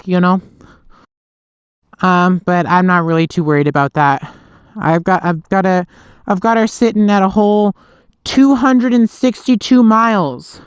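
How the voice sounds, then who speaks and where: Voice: medium pitch, no room sound. A young adult motorcycle vlogger chatting casually and rambling from inside a helmet, with meandering, self-interrupting talk and mild swearing, slightly muffled on a close mic. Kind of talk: casual rambling vlog chat. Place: inside a helmet, outdoors at night.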